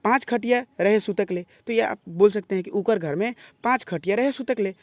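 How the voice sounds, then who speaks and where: A man's voice: high-pitched, no echo. A male teacher giving an exam-prep lesson, explaining step by step, repeating phrases and often checking in with his students. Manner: reads example sentences slowly and emphatically.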